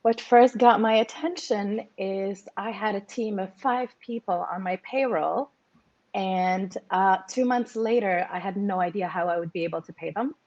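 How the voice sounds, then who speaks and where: In a lo-fi recording, a woman with a medium-pitched, darkish voice speaks at normal speed as a guest on a casual interview show. A singer-songwriter from Morocco raised in Canada, she talks candidly and reflectively, with small laughs and fillers.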